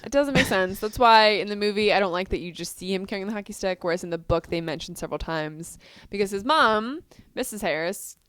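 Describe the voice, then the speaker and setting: A woman co-hosting a casual chat, retelling story details with animated emphasis. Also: medium pitch, fairly quick, hardly any pauses, clear, resonant tone. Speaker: co-host. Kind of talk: casual discussion of book versus film.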